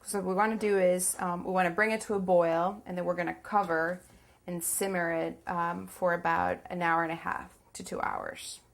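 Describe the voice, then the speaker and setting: At normal speed and with little pitch movement, a woman in her thirties gives informal, step-by-step cooking guidance in a small indoor home kitchen. Her fairly low voice has vocal fry, and her accent is Venezuelan, since she comes from Caracas.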